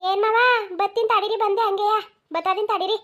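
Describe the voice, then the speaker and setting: A woman voicing a sharp-tongued young village daughter-in-law in a cartoon, with a rural Mysore-region accent, defensive and quick to answer back. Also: very high-pitched, little pitch movement. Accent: rural Mysore-region Kannada.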